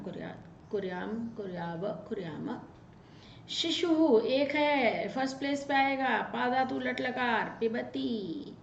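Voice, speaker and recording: A woman teacher runs a brisk, drilling grammar lesson, rattling off verb forms. Her voice sits fairly high. It sounds roomy and a little dull and lo-fi. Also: slight background noise. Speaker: Sanskrit teacher.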